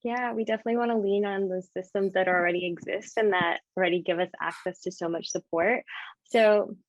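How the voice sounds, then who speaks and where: A woman's voice: medium pitch, steady tone, fairly quick, no room sound, lo-fi sound. A woman hosting a panel, affirming answers and asking questions conversationally. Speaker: host. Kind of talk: moderating a panel discussion.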